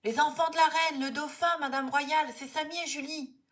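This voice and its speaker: A woman reading a storybook, voicing an excitable young boy who shrieks breathlessly. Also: on the high side, quick pace, voice pushed up, close to an everyday voice. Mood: frantic.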